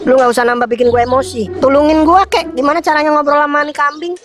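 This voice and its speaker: A woman voicing an exasperated, easily flustered cartoon podcast host who speaks with a Jakarta accent, whining and breaking into shouts. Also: sits high, fairly even intonation, fast, music in the background, natural voice. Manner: whiny exasperated complaining, bursts of shouting. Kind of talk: dubbed cartoon comedy podcast.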